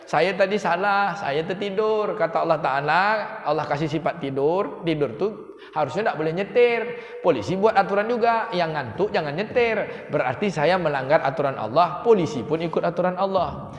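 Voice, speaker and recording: Ustaz in his 30s, high animated preaching voice, long hall reverb. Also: moderate pace. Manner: animated storytelling, rising to emphatic exclamations. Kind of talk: lively dawn sermon.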